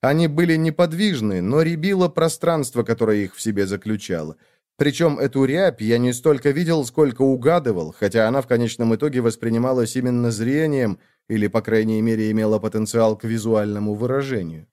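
A man reading a first-person audiobook narration in a measured, reflective way. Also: mid-range voice, a little mellow. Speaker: audiobook reader.

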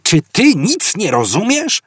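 A man's voice: huge pitch swings, slow pace, fairly bright tone, breathy edge, no room sound, studio quality, exaggerated voice. A man voicing a flustered, indignant young Englishman in an audiobook, talking in sarcastic, exasperated bursts. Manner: sarcastic, exasperated, shrill outbursts. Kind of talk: audiobook character voice.

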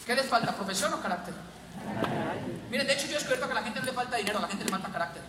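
Guy hyping up a seminar crowd, high voice, echoey hall with people and noise. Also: racing, distant mic. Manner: animated, storytelling, jokes with the crowd. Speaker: motivational seminar speaker. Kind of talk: motivational seminar talk to a live audience. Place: large hall with an audience.

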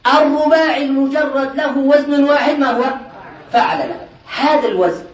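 Male teacher, high-pitched, quizzing students, recorded from afar in an echoey classroom. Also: moderate pace. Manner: drills the class with repeated questions. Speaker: teacher of Arabic morphology. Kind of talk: classroom lecture. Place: classroom lesson. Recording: echoey room from far off, class murmur.

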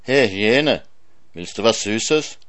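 A man's voice: lowish voice, lively intonation, slow pace, a bit bright, no echo. A man reading a storybook, voicing a sly trickster hare who coaxes and teases. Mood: teasing. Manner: teasing, coaxing.

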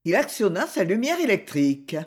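A woman narrates a story aloud in a measured, expressive voice. Her pitch moves a lot, giving the reading a lively shape. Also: breathy edge. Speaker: audiobook narrator. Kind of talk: audiobook narration.

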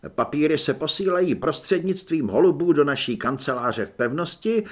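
A fussy, formal newspaper man caught off balance, as a male reader plays him. His lines come out loud and exasperated, the pitch moving a lot. The voice carries a slight huskiness. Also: animated. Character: flustered middle-aged male newspaper man. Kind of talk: audiobook character voice.

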